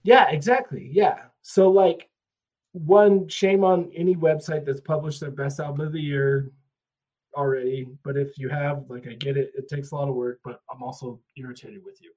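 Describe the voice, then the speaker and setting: A man's voice: on the high side, steady tone, moderate pace, a little mellow, rough recording. A man co-hosting a podcast in a casual, rambling chat, swearing freely and laughing often. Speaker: podcast co-host.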